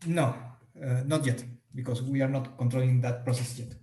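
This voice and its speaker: A man's voice: medium pitch, steady tone, normal speed, dark tone. Man sounding like he's in a cave. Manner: hesitant, many fillers and restarts. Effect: cave-like echo on his audio. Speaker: software developer in a meeting. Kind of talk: technical explanation on a call. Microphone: remote call microphone. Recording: echoey call audio, as if in a cave.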